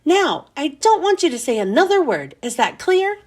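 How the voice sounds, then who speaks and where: A woman's voice: sits high, big pitch swings, normal speed, darkish tone. A woman reading a children's book aloud, voicing a snappish, unhinged female schoolteacher with a barking, scolding delivery. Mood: snapping angrily. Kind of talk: storybook read-aloud.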